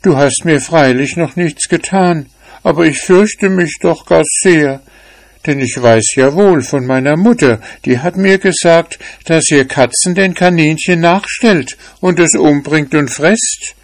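A man voicing a frightened little silk rabbit in a storybook tale, speaking in a high, anxious, pleading way. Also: a little slow, no room sound. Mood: fearful, pleading.

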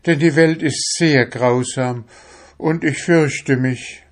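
A man voicing a fearful, pleading soul that speaks in a soft, fluting way. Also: mid-range voice, slow, pitched above the performer's own voice, close to an everyday voice. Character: pleading soul, a man's shadow-self, fearful and gentle.

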